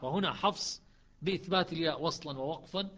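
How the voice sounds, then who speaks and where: A man teaching the variant readings of the Quran, chanting verses slowly and then explaining them in quick speech. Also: fairly high pitch, fairly bright tone, lo-fi sound.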